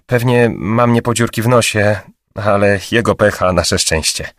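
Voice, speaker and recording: A man reading in a lighter, hushed voice for a timid, anxious female client. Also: fairly low pitch, measured pace, no room sound, clean studio sound, voice pushed up. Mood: embarrassed. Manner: hushed, hesitant.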